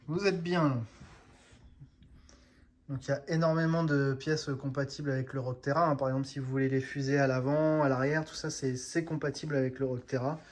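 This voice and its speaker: A man hosting a casual product unboxing for a hobby shop, chatty and full of hesitant fillers. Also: mid-range voice.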